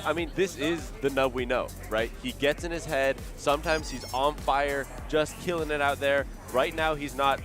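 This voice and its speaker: A man's voice: medium pitch, fairly even intonation, moderate pace, few pauses, music in the background. A man giving conversational analysis as a color commentator on a drone race. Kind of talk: sports commentary.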